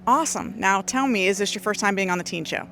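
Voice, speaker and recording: Bright, quick-talking woman host. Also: mid-range voice, creaky, a little hiss or hum. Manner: upbeat, quick prompting questions. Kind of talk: community TV interview. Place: outdoor theatre stage.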